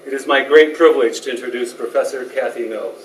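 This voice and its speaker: A man's voice: mid-range voice, brisk, very noisy. A man reading a formal, prepared introduction for a guest speaker. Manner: formal, reads prepared remarks. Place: lecture hall. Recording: echoey hall, mic from a distance.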